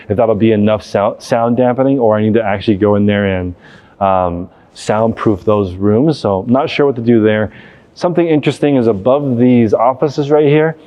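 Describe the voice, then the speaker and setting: A male vlog host, owner of a reselling business, casually walks viewers through a vast empty warehouse without a script. He speaks in a mid-range voice, and the recording has its highs cut off.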